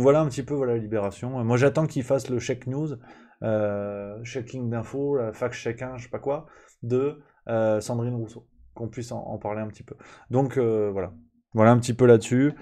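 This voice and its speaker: A man's voice: medium pitch, mellow. A man hosting a live press review, ranting in a casual, sarcastic way with many fillers and restarts, plainly annoyed. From France.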